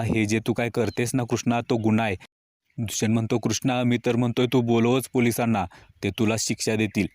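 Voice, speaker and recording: Man, serial recap narration, steady storytelling, monotone delivery, dry close recording. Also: medium pitch, no echo. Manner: even storytelling with quoted lines read in his own voice. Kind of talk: recapping a TV serial episode, reading out dialogue.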